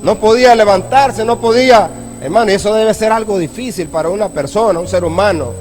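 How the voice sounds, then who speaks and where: A man with a high voice preaches to his congregation, tucking in frequent checking questions as he reads and explains scripture. His delivery is unhurried, with faint music behind him. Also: a little mellow. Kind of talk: sermon. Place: church.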